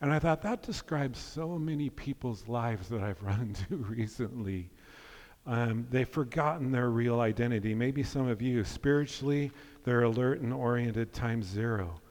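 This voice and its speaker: A man's voice: medium pitch, darkish tone. A man as a pastor, preaching a sermon in an earnest, conversational way with playful asides, in a church sanctuary. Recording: long hall reverb.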